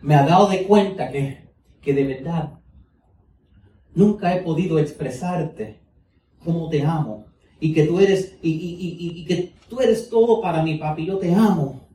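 A man's voice: a little high, unhurried, mellow, pitched above the performer's own voice, lightly acted. A man, a preacher acting out an earnest, tender adult son in a sermon joke. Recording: roomy, distant mic.

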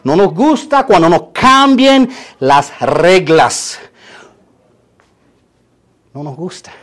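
A middle-aged man, preaching a lively sermon and acting out quotes, sometimes shouting. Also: high voice, extremely slow. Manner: animated, acts out quotes and shouts for emphasis. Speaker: pastor.

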